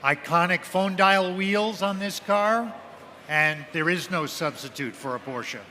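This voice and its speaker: A man's voice: sits high, a little slow, sharp tone. A man presenting auction lots live as a specialist, in polished, descriptive sales patter. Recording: echoey noisy hall, amplified live event.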